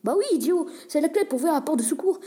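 A woman reading the lines of a bossy freckled teenage boy in a storybook reading, in a slightly higher voice. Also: animated, fast, warm tone. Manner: calls his friend an idiot, takes charge.

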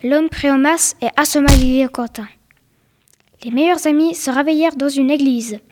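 A woman's voice: sits high, normal speed, noisy background. A woman reading a short storybook tale aloud, telling it plainly and now and then stumbling or repeating a word.

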